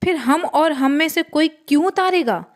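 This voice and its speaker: A woman's voice: normal speed, natural voice. Woman doing a frantic tearful widow. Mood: frantic accusing. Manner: shrill, insistent, tearful. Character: grieving, frantic village widow accusing a girl.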